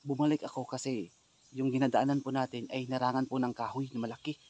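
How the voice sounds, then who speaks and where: A man's voice: medium pitch, little pitch movement, fast, a little mellow, muffled recording. A man filming a ghost-hunting vlog in a forest outdoors, speaking straight to his viewers in a suspenseful, wary way. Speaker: ghost hunter vlogger.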